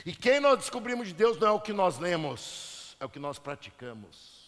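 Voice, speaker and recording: Animated Brazilian pastor preaching in a hall. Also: male voice, sits high. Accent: Brazilian Portuguese. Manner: preaching with swells of emphasis and drawn-out words. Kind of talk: sermon. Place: church sanctuary. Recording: long hall reverb.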